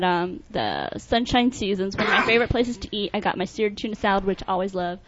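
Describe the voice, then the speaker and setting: A woman co-hosting a podcast, chatting casually and musing aloud. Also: medium pitch. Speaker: podcast co-host. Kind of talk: casual chat. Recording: dull lo-fi podcast audio.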